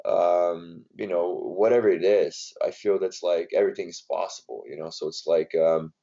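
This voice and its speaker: Heard over dull, lo-fi sound, this low-pitched man keeps a steady, dark tone at normal speed. A Portuguese-speaking Brazilian who coaches strength and conditioning in the NBA, he rambles in accented English during a casual interview, using lots of fillers.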